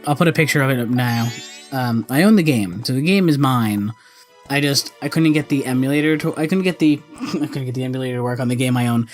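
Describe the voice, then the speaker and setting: A gaming video host chats casually through a let's play in a mid-pitched voice, rambling and doubling back to correct himself. Video game cutscene music plays behind the talk.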